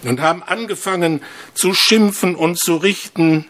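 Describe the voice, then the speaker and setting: A male preacher with a slightly high voice. He keeps the sermon moving with rhetorical questions and animated storytelling, and his voice rises and dips from line to line. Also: measured pace.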